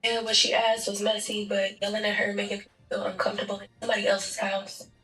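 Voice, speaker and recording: A woman roleplays a game character in a firm, consoling big-sister manner. Her voice is very bright and sharp. It sounds distant and echoey, with music playing underneath. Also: medium pitch, monotone, fast. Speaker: roleplay gamer.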